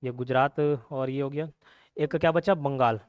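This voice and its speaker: A man's voice: medium pitch, steady tone, unhurried, dry recording, lo-fi sound. A young man, giving a casual exam-prep lecture with playful memory tricks, checking in often with his students. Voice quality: chatty, repeats check-ins like "okay" and "clear". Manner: playful mnemonics, laughs at own jokes. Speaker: exam coaching teacher.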